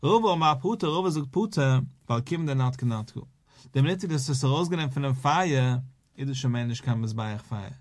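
A man's voice: mid-range voice, animated, normal speed. A man, a rabbi, teaching a daily Talmud page, in a sing-song study cadence that repeats its key phrases.

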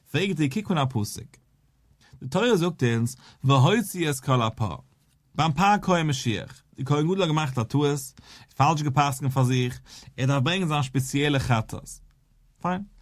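Sing-song rabbi teaching Talmud. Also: male voice, on the high side, animated, normal speed, no room sound, clean studio sound. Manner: explains step by step, posing and answering questions. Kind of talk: daily Talmud lesson.

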